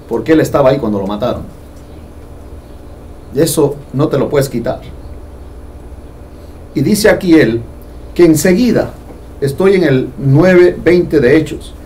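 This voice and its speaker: A man's voice: fairly high pitch, a little mellow, recorded from a distance, slight background noise. A man preaching a sermon to a congregation in a conversational way, joking with them as he goes. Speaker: pastor. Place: church hall.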